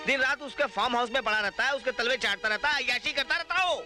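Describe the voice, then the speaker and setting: A man's voice: extremely high pitch, fast talker, over music. An actor playing a man who passes on gossip in a confiding tone. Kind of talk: Hindi film dialogue.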